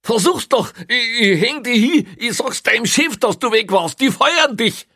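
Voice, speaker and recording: Frantic drunk prisoner, high-pitched shouting and stammering, done by a man. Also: lively intonation, unhurried, creaky, no echo, clean studio sound, exaggerated voice.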